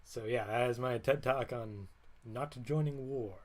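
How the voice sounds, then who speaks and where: A man's voice: medium pitch, measured pace. A man streaming, talking in a rambling, wry way and often stopping to correct himself mid-sentence. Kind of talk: casual livestream monologue.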